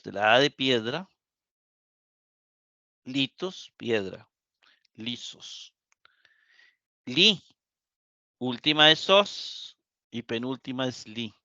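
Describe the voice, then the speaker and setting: Slow, bright-voiced man teaching Greek. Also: medium pitch, no room sound, highs cut off. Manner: slow, syllable-by-syllable explanation with frequent "¿verdad?". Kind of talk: live online class.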